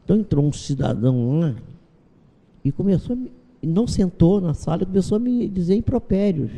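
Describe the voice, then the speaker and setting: A Brazilian man talks as a guest in a calm spiritual interview. His voice is very dark and gravelly. He tells stories and acts out their dialogue, with a long reverb trailing behind him. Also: sits high, fairly quick. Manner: storytelling, acts out dialogue from anecdotes.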